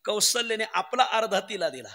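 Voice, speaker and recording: A male kirtan preacher, telling a devotional story with jokes and slow chanted verses. His voice sits high and sounds sharp and very bright with a gravelly edge. Faint music plays in the background. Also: lively intonation, long reverb tail.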